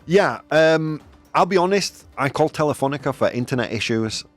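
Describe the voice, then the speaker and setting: On a casual opinion podcast from Spain, a male host rambles and corrects himself, using plenty of fillers. He's animated and talks a little fast, with his pitch swinging widely as he gets worked up. Faint music plays underneath.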